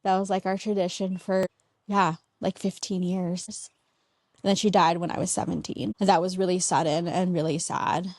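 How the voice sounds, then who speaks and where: A woman's voice: lowish voice, little pitch movement, normal speed, a little mellow, no echo. A young woman speaks in a loose, chatty way, recounting family memories as an interview guest. Her talk is full of "like" fillers and restarts. The recording is dry and close, with no room sound. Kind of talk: casual storytelling interview.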